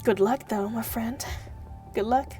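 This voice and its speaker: A woman's voice: fairly high pitch, a little slow, mellow. A woman livestreaming a game in a playful, giggly manner, chatting to viewers and exclaiming in mock scolding. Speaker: live streamer. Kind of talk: chatty game livestream, thanking viewers and reading story text aloud. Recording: music playing behind the voice. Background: music.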